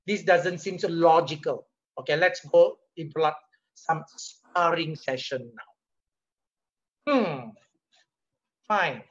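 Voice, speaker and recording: This middle-aged company CEO, who has a Singaporean English accent, talks slowly with frequent pauses in a fairly high voice with a breathy edge. His motivational leadership talk over a video call is conversational and rhetorical, and he rises animatedly when making a point. It's recorded on a webcam or laptop mic in a home or office room, with muffled call audio.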